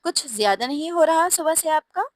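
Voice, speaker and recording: A spirited young wife from a storybook, quick to bristle when she is teased, read by a woman. Her slightly high voice sounds close and dry. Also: expressive, dry recording.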